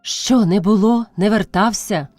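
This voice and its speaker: A woman's voice: medium pitch, measured pace, darkish tone, no echo, faint music behind, close to an everyday voice. A woman voicing an anxious old village mother who questions with worry, in an audiobook. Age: older. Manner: worried, questioning.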